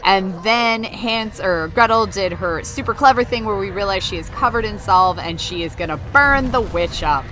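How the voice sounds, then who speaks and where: Excitable woman doing film commentary. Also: mid-range voice, moderate pace, hardly any pauses. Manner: enthusiastic, swears, reacts loudly to scenes. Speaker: horror historian, commentator.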